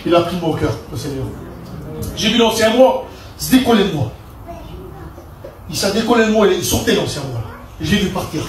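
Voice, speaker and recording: A man from Perpignan tells his church testimony with fervent, repetitive storytelling. His voice sits high and carries. It reaches the mic from afar in an echoey hall with faint room ambience. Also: slight background noise. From Perpignan, southern France. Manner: fervent, storytelling with repeated "je dis". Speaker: preacher giving testimony. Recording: echoey room picked up from a distance.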